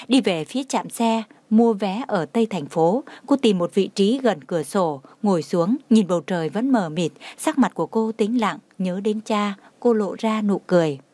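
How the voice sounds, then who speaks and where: A woman reading a story aloud in a steady, even narration. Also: mid-range voice, no echo.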